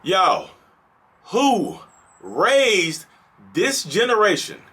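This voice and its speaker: A man's voice: high-pitched, wildly swooping pitch, drawn-out words, pushed and bright, breathy edge. A man in his thirties hosting a vlog, talking casually and building into passionate, repeated rhetorical questions. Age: 30s. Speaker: host.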